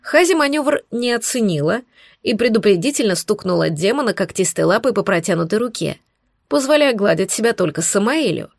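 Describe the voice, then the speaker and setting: A woman's voice: mid-range voice, expressive, a little fast, creaky, no echo, clean studio sound. A woman reading a first-person fantasy audiobook with a wry storytelling manner. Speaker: audiobook narrator. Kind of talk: scripted narration.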